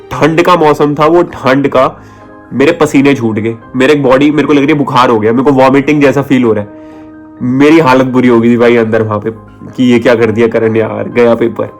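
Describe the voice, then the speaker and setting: A chatty young man telling stories and giving tips in a casual vlog, often acting out people and sounds. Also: mid-range voice. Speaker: vlogger giving exam tips.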